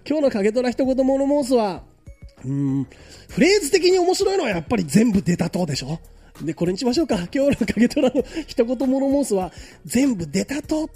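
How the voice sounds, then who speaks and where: A man's voice: very high voice, very animated, fairly quick, warm tone, soft background music. A man hosting a casual radio news chat, reading items aloud and then joking about them. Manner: chatty, jokes about news, reads items then comments. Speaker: radio show host.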